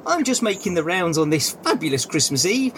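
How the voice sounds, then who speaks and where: A man's voice: sits high, sing-song, a little fast, fairly bright tone, soft background music. A man playing a bumbling crook posing as an old-fashioned policeman in a comedy sketch, with a hammy stage-actor delivery. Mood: officious, theatrical. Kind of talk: comedy audio sketch acting.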